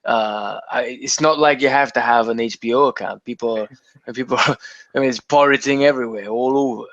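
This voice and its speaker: A gravelly, joking man trading teasing banter in a casual podcast chat. The recording is dull and lo-fi, with a dry, close sound. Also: medium pitch, moderate pace, a bit bright, dry recording. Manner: joking, mocking, slips into silly put-on voices. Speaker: podcast co-host.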